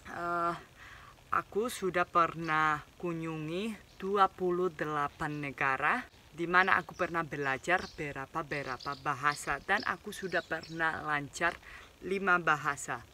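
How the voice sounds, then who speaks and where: A man's voice: fairly high pitch, a little slow, sharp tone, slight background noise. A man from Spain, a native Spanish and Basque speaker, talks casually to viewers as a foreigner speaking Indonesian with a mixed foreign accent and informal slang. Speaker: vlogger. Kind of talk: casual vlog talk to viewers.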